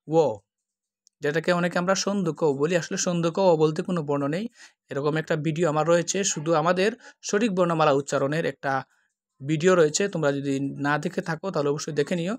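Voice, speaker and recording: A man's voice: on the high side, dry recording. A man with a slightly raised voice teaches alphabet sounds in a patient tutorial, stretching each vowel so learners can follow. The recording is close and dry, with no room sound. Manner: patient, drawn-out letter sounds. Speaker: language teacher. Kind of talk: tutorial explanation.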